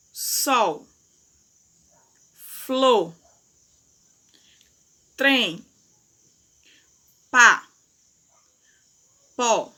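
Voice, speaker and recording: A woman teacher, giving a lesson and explaining slowly and carefully with repeated examples. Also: sits high, sharp tone. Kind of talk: recorded classroom lesson.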